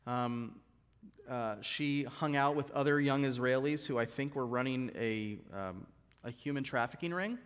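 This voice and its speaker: A middle-aged man preaching a sermon in a church, retelling stories and dropping his voice low and soft for quoted lines. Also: a little slow, clear, resonant tone. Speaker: guest preacher. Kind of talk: sermon with storytelling. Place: church sanctuary.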